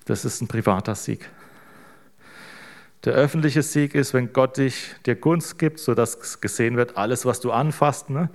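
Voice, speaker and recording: A man's voice: medium pitch, moderate pace. A man preaching an informal sermon as pastor, in a loose, conversational way that keeps checking in with the listeners. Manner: casual, tags sentences with "ne?".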